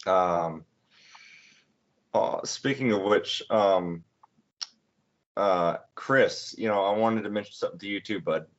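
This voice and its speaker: A young man in his twenties hosts a relaxed late-night chat, his voice sitting a little low. He talks haltingly, stopping, restarting and filling gaps as he goes. The recording sounds muffled and lo-fi. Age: 20s. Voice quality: halting, many restarts and fillers. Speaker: podcast host. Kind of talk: casual chat. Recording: dull lo-fi recording.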